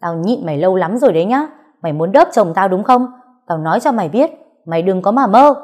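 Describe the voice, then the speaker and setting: A woman voicing a fierce young wife who shouts combative, loud retorts. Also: medium pitch, moderate pace, voice pushed up, close to an everyday voice. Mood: furious.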